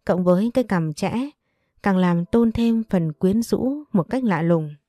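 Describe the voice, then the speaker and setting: A woman narrating a romance story in a steady, scripted storytelling manner. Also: lowish voice, measured pace, dry recording. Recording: dry voice over faint music.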